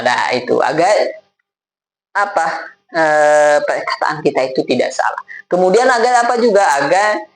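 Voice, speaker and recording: A man talks through a religious lesson in a loose, conversational way, stopping often for fillers and repeating phrases as he goes. His voice has a gravelly edge. Slower recited lines break up the talk, and the sound rings in a roomy, echoing space. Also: mid-range voice. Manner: hesitant, many fillers and self-repeats; recites Arabic phrases slowly. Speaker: Islamic religious teacher. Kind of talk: casual spoken lecture.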